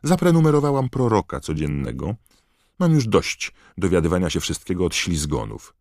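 An earnest, touchy teenage schoolgirl witch from a storybook, put on by a man. The voice reaches up from a very deep register into a pleading, girlish tone. The sound is dry and close, with no room around it. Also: very animated, moderate pace, a little mellow, no room sound. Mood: eager.

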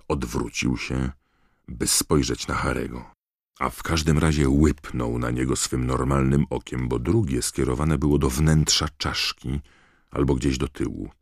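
A man reading a story aloud as narrator, with a gravelly voice. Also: very deep voice, dry recording, studio quality. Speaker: audiobook narrator. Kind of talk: scripted narration.

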